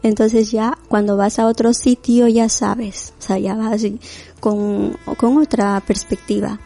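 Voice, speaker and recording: Latin American woman in her forties, interview guest; mellow, gravelly delivery, faint music underneath. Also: mid-range voice, level tone, a little slow. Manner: reflective, many restarts and fillers. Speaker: guest, domestic worker. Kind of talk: conversational interview.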